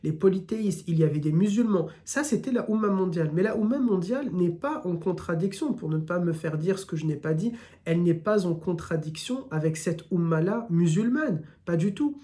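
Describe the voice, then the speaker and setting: A man's voice: high voice, lively intonation, a little fast, dark tone. A man from France with an Occitan-tinged French accent, teaching a weekly religion lesson in short repeated phrases.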